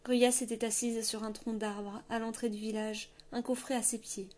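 A woman narrating a fantasy novel in a steady, measured storytelling voice. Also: a little high. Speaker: audiobook narrator. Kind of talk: scripted narration.

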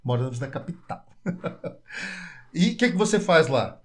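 Casting: man, Goiás Brazilian accent, chatty joking podcast host, slightly high voice. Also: very animated, a little slow, breathy edge. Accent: Goiás Brazilian Portuguese. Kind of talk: casual interview chat.

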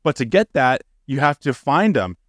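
A man's voice: big pitch swings, moderate pace, dry recording, clean studio sound. A man co-hosting a casual podcast, swearing freely and breaking into exasperated rants. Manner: profane, ranting, gets loud and high when exasperated. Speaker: podcast co-host.

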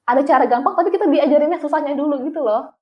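A woman's voice: sits high, racing, dull audio. A young woman, casually telling her story in slangy talk and laughing often as an interview guest.

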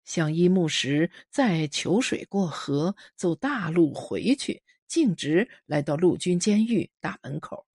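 A woman narrating a story aloud in a calm, measured storytelling manner. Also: lowish voice, breathy edge, no room sound, studio quality.

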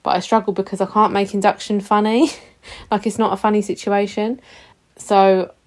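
A British woman in her thirties hosts a solo podcast, chatty, confessional and self-mocking, giggling often and happy to swear. Her voice is medium in pitch, with a level tone and normal speed.

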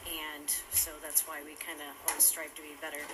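A woman teacher giving measured, thoughtful answers in an interview, captured on a low-quality phone recording. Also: monotone, very noisy.

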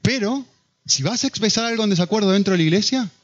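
Argentine guy preaching, husky and kinda high, pitch jumping all over, dull lo-fi sound. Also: fast talker. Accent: Argentine Spanish. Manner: animated, rhetorical questions to the congregation. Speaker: pastor. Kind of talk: sermon. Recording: dull lo-fi recording.

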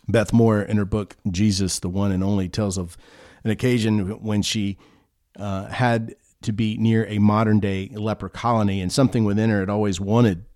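A man giving a sermon as pastor, in an earnest, measured preaching manner with frequent restarts. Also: lowish voice, darkish tone, dry recording, clean studio sound.

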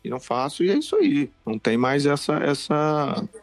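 Animated Brazilian man, gravelly voice. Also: on the high side, normal speed, no echo, faint music behind. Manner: animated storytelling, frequent fillers and restarts. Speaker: freelance illustrator. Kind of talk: casual podcast conversation.

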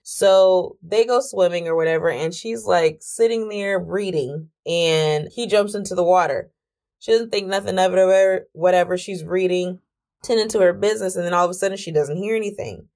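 A woman's voice: fairly low pitch, normal speed, darkish tone. A woman hosting a podcast, telling a story in a casual, chatty way full of fillers. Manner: chatty, many fillers like "like" and "or whatever". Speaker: podcast host.

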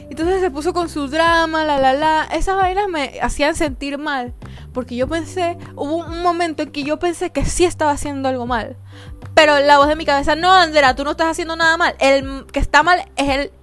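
Animated young woman. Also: sits high. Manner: animated, acts out quoted voices, slangy. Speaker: podcast host. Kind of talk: casual storytelling monologue.

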